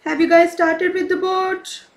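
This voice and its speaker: A woman's voice: very high voice, little pitch movement, unhurried. A woman leading a live craft class for children, cheerful and coaxing, often checking in with questions. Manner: cheerful, coaxing, asks kids many questions. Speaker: craft teacher for kids. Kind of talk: live online kids' craft session.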